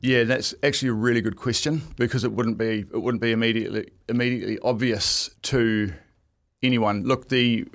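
A man's voice: medium pitch, fairly even intonation, a little fast. A middle-aged man chatting casually as an interview guest, in a stop-start, self-deprecating way. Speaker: guest, event ring announcer. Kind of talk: casual radio interview chat.

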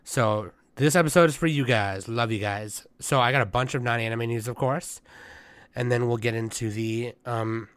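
A young man hosting a casual podcast, hoarse and congested, rambling with lots of fillers and swearing. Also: mid-range voice, steady tone, moderate pace, fairly bright tone, no room sound. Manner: rambling, profane, many fillers. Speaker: podcast host. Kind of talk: casual chat.

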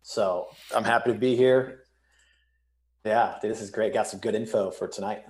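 A man's voice: fairly low pitch, normal speed. Young man in an echoey empty room. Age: young adult. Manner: relaxed, chatty, some restarts. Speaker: podcast guest, sports bettor. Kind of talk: casual podcast interview. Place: bare empty room in home office.

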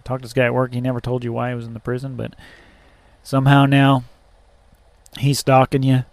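A truck driver telling a story in a casual vlog, rambling and profane, full of fillers and restarts. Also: male voice, medium pitch, monotone, a little fast, creaky, a little mellow, no echo.

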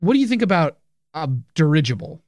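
A man's voice: fairly high pitch, big pitch swings, a little fast, a little mellow, no echo. An American man co-hosting a comedy podcast with casual, wordy banter.

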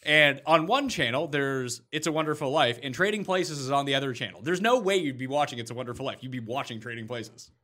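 A man's voice: mid-range voice, fast talker, few pauses, pushed and bright. A man co-hosting a podcast, blunt and argumentative, swearing freely in casual banter. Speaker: podcast co-host.

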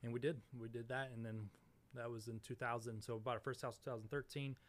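A man's voice: medium pitch, level tone, fast talker. A man in his thirties from Missouri, chatting casually as a podcast guest with a dry, sarcastic humor and plenty of fillers. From Springfield, Missouri, USA. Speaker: podcast guest, real estate investor. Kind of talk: casual interview chat.

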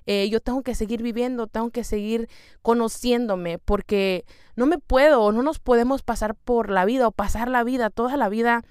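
A woman's voice: fairly high pitch, moderate pace, a little mellow, clean tone, no room sound, clean studio sound. A young Mexican woman hosting a podcast, talking straight to the listener in a casual, slangy self-help monologue. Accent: Mexican Spanish. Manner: chatty, slangy, addresses listener directly. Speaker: podcast host.

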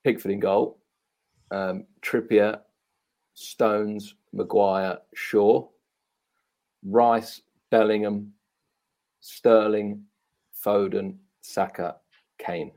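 Man, Leicester accent, lowish pitch, casual football podcast chat, panellist. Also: fairly even intonation, extremely slow, long pauses, a little mellow. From Leicester, England.

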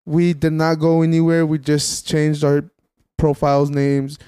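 Male podcast host, slangy frat-bro chat, fairly high voice, dry close sound. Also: monotone, a little slow, dark tone, smooth, no echo. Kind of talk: casual chat.

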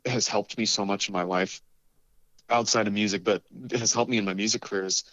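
Rambling man in casual interview, lowish voice. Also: steady tone, brisk, a bit bright, no echo. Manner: rambling, acts out quoted dialogue. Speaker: musician guest, drummer.

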